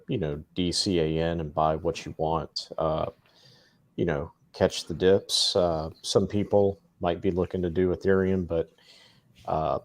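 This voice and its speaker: A man on a casual livestream, talking in a halting, hedging way with many fillers. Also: low voice.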